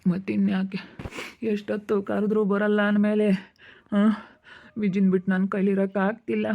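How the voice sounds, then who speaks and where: A woman's voice: mid-range voice, little pitch movement, moderate pace, vocal fry, natural voice. A woman with a rural Chitradurga Kannada accent playing a grieving young village husband, wailing and pleading through sobs in a village family drama. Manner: wailing, pleading, repeating phrases. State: sobbing. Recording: tinny phone-like recording.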